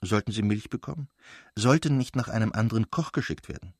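A man narrates a classic novel in a calm, measured way. His voice sits low and carries a husky grain. The recording is dry and close. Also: dry recording. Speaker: audiobook reader. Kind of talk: literary audiobook narration.

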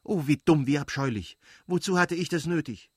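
A man's voice: on the high side, normal speed, husky, no echo, voice pushed up. A proud, impulsive young noblewoman, as a male audiobook reader puts her on, her voice lifted well above his own. She bursts out in agitated, self-reproaching lines. The sound is dry and close. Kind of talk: audiobook reading.

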